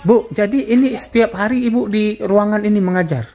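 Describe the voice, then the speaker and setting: A woman's voice: medium pitch, fairly quick, warm tone, soft background music. A woman interviewing casually and commenting on what she sees, in an enthusiastic, exclamatory way.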